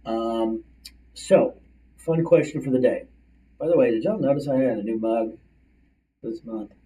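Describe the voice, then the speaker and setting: Fast-talking man, mellow and distant. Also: medium pitch. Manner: fast-talking, chatty, encouraging. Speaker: career coach host. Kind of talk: casual livestream coaching talk. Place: office. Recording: distant mic, slightly far-off sound.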